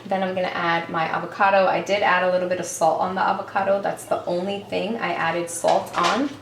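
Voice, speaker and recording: A woman vlogger chatting casually in her home kitchen, relaxed and often trailing off quietly. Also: fairly low pitch, a little fast. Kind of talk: casual chat. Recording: roomy kitchen echo, faint noise.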